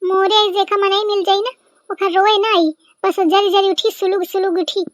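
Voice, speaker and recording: A woman voicing a sharp-tongued rustic daughter-in-law with a Kanpuri village accent, scolding bluntly in a cartoon comedy. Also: extremely high pitch, fairly even intonation, normal speed. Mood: irritated. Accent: Kanpuri rural Hindi.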